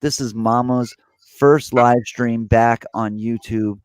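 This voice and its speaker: A man's voice: medium pitch, steady tone, takes it slowly, smooth, no room sound. A man hosting a live stream, speaking earnestly in a rambling way with many restarts. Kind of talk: casual chat.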